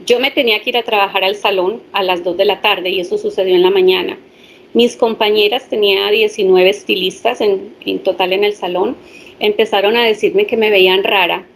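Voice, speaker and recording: Woman, hypnotherapist, earnest and animated storytelling to a small group, faint background noise. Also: medium pitch, fairly quick, vocal fry. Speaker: hypnotherapist sharing experiences. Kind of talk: personal testimony to a small group.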